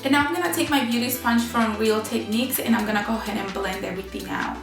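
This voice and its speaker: With a heavy cold giving her a honking, congested, nasal sound, a female beauty vlogger casually talks her way through a makeup tutorial. Her pitch is fairly high and her pace fast; music plays in the background of a roomy, echoey recording.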